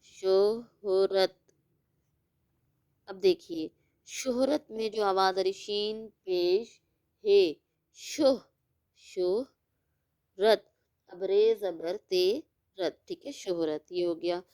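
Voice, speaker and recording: A woman's voice: mid-range voice, a little mellow, clean tone. A woman teacher giving a recorded lesson, asking the class questions and then answering them herself. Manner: stretches out words slowly when spelling. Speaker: school teacher.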